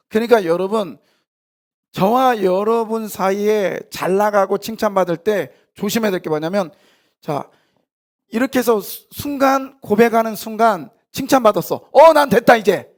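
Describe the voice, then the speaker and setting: A man preaching a sermon in a church, talking casually with the congregation and firing questions at them while he acts out a scene. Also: high-pitched. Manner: animated, questions the congregation directly; casual, half-informal banter with congregants. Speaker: pastor. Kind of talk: conversational sermon with live demonstration. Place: church sanctuary.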